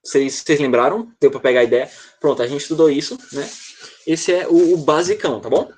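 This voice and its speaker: Man, teacher, slightly high voice, online class, chatty, relaxed, computer mic. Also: brisk, husky. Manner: chatty, relaxed, checks in often with "tá?". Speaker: English teacher.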